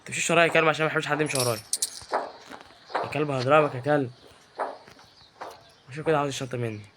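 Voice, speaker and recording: Fast-talking Egyptian gamer, a touch higher-pitched, teasing and excitable, with steady clicking noise behind him. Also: male voice. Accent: Egyptian Arabic. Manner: excitable and teasing, yells at game characters. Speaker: gaming YouTuber. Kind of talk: live gameplay commentary.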